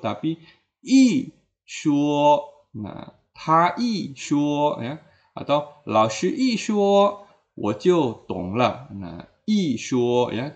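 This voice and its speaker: Man, language teacher, lively pitch, drawn-out examples, muffled recording. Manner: animated, stretches example syllables. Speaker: Mandarin teacher. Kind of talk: online language lesson. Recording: dull lo-fi audio.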